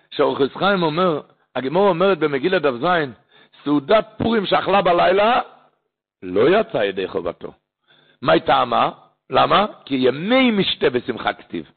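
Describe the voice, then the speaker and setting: A man, a rabbi, giving a holiday sermon full of stories, impassioned and climbing sharply in pitch for emphasis, often repeating phrases as he teaches. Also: vocal fry, breathy edge. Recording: tinny phone-like lo-fi recording.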